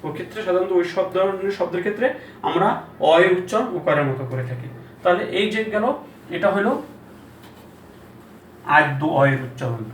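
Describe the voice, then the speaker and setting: Man teaching pronunciation, repeats words slowly, asks questions, high voice, distant mic. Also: slight background noise. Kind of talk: Bengali pronunciation lesson. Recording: echoey room, mic at a distance, faint ambience.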